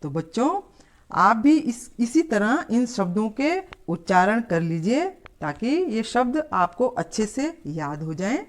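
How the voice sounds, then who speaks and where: A woman speaking as a teacher to young pupils, taking each point slowly and with patience. Her voice sits a little high and moves lively through each phrase, falling as she finishes. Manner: slow, patient, addressing children. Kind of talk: scripted lesson.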